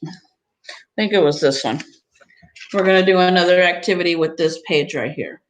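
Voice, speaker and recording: Reading a picture book to her students, a woman teacher phrases things carefully in short chunks and drops in instructional comments. Her pitch sits on the low side, and the audio quality is poor.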